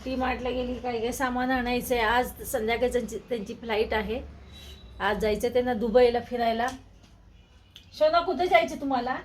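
Chatty older woman, slightly high voice. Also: level tone, fairly quick, slight background noise. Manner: chatty, talks to toddler in coaxing tones. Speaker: vlogger. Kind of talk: casual home vlog chat. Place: home.

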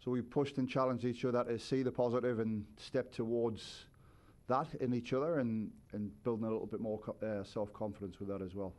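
A man's voice: mid-range voice, fairly even intonation, fairly quick, a little mellow. A man in his forties, a head coach, giving thoughtful postgame answers at a press conference, seated at a table with a microphone. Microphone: table microphone on a stand.

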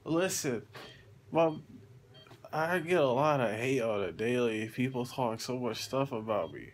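A man's voice: mid-range voice, expressive, unhurried. A young man, groggy from anesthesia, chatting casually and slangily to a phone, drifting from thought to thought. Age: young adult. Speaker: vlogger, patient after surgery. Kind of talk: casual rambling chat to camera. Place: hospital room, lying in bed. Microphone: phone at arm's length. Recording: background noise of a hospital room.

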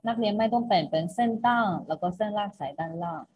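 A woman's voice: mid-range voice, quick pace, a little mellow, husky. A woman teacher giving an online class, patiently repeating each instruction. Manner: patient, repeats herself with a polite particle at each phrase end. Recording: muffled recording with faint noise.

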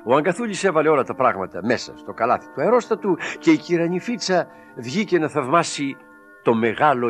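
A man reading a children's storybook aloud, with expressive, dramatic storytelling. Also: medium pitch. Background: background music.

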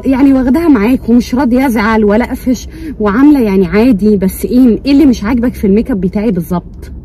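A young Egyptian woman speaks quickly in a mellow, slightly high voice. She plays at being offended, insisting and coaxing by turns, from inside a car. Faint music plays underneath. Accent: Egyptian Arabic. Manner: playful, mock-offended. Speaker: vlogger, wife. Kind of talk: prank vlog banter.

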